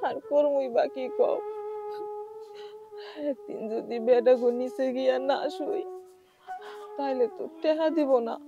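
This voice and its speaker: A woman's voice: high-pitched, fairly even intonation, a little slow, long pauses, highs cut off, over music. A tearful young village woman. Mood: sorrowful. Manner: tearful, pleading. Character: poor young village woman, sorrowful and tender. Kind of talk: TV drama acting.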